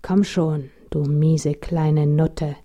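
Eine Frau, die einen bedrohlichen, groben hinkenden Mann mittleren Alters spricht, laut und scheltend, mit gesenkter Stimme. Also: female voice, deep voice, steady tone, drawn-out words, full character voice. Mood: menacing. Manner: harsh, scolding, loud. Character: abusive limping middle-aged man, menacing and coarse.

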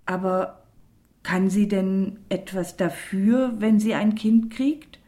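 A woman's voice: medium pitch, expressive, normal speed, a little mellow, natural voice. A woman reading an audiobook and voicing a curious, earnest young girl asking questions. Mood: earnest questioning. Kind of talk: audiobook character voice.

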